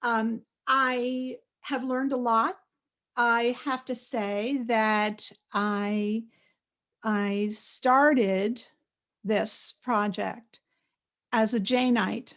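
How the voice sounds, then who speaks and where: An art historian and curator of around 70 gives an informal online guest lecture from her home office over a video call. Her soft voice is a little high and steady, and she speaks conversationally and hesitantly, pausing often. An external microphone has been added to her computer.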